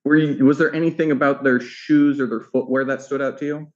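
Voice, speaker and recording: Methodical attorney questioning a witness. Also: male voice, medium pitch, steady tone, fairly quick, highs cut off. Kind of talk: courtroom questioning. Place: courtroom.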